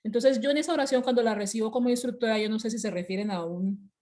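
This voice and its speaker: A woman's voice: a little high, fast talker, darkish tone. Woman teacher, online class, patient, repeats and restarts phrases. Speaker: English instructor. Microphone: video call.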